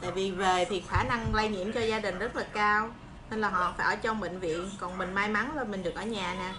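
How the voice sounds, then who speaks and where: Her mid-range voice is steady and a little fast as this Vietnamese livestream host in her thirties, speaking with a southern accent, eats and prepares fruit while reassuring and encouraging her viewers. She talks into a phone propped at arm's length in a small room, and the phone video picks up clear background noise.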